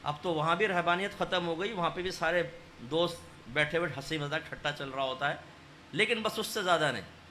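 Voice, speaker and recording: A male preacher, giving a storytelling sermon that swings between loud exhortation and hushed narration. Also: on the high side, slight background noise. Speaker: Islamic preacher.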